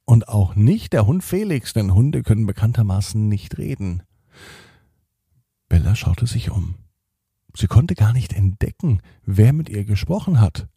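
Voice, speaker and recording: A man narrating a children's story slowly and gently, with expressive read-aloud delivery. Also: lowish voice, slightly rough, no room sound, studio quality.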